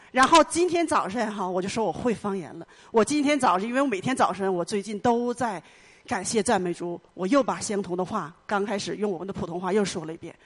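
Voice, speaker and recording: A middle-aged woman giving an emotional personal testimony in church, telling her story earnestly and with much repetition. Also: medium pitch. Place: church hall.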